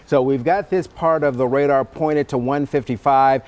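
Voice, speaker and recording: A man anchoring live severe weather coverage, explaining in a measured, unscripted way. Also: mid-range voice, fairly even intonation, darkish tone.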